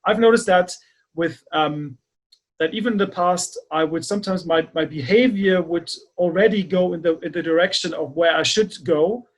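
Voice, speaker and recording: A male podcast host who talks haltingly, circling back over his own words as he hunts for the right phrasing. His voice sits a bit higher than most men's. He stays thoughtful and reflective throughout. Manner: halting, repeats words while searching for phrasing. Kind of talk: reflective conversation.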